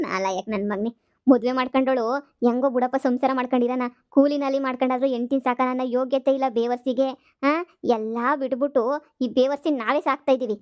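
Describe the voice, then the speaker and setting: A woman voicing an angry, sharp-tongued village wife in a cartoon comedy, cursing in a rapid tirade. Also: high voice, no room sound, lightly acted. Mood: scheming anger. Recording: slightly dull, dry dub.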